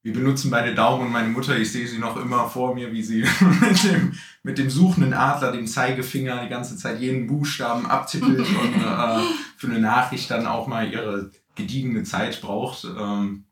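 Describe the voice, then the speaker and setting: A nineteen-year-old man chatting as a podcast guest, pausing often and searching for words while he tells anecdotes. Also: mid-range voice, fairly even intonation, fairly bright tone. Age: teens. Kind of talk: casual conversation. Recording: echoey room.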